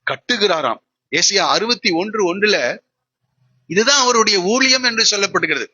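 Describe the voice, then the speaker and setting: A pastor preaching a sermon, asking the congregation questions and answering them himself. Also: male voice, high-pitched, expressive, moderate pace, sharp tone, lo-fi sound.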